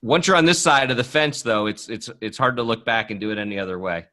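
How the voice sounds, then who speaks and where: A man's voice: medium pitch, fast, pushed and bright. A man from New Jersey talking casually and conversationally as a guest in a podcast interview. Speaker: podcast guest, business author. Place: basement, on a video call.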